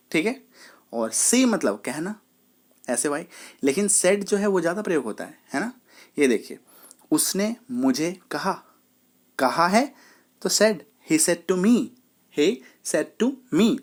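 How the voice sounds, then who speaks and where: Guy teaching english words, says everything twice, spells em out, keeps checking you got it. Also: on the high side. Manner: patient, repeats each example and checks understanding; spells words letter by letter, slows down on English sentences. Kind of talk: classroom-style lesson explaining words.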